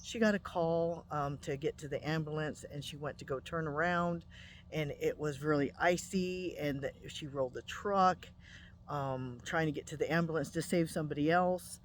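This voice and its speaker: A woman's voice: low-pitched, normal speed, slight background noise. A middle-aged woman hosting a spiritual channel, telling a personal story in a casual, conversational way, with frequent ums and restarts.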